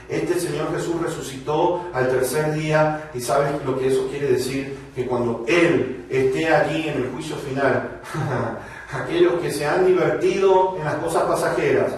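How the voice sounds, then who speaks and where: Heard from a distance in a very echoey church hall, a pastor delivers a sermon with emphasis, his rather high voice rising and falling as he addresses the congregation.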